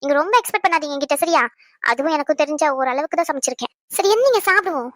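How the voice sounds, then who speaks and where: A young woman plays an affectionate young wife in an audio drama, her voice bright and high. She chats along and fusses tenderly over her husband. The recording is close and dry. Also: very fast, no echo. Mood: chatty, fussing. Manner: chatty, fussing, tender. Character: caring young pregnant wife, chatty and affectionate. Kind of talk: Tamil audio drama acting.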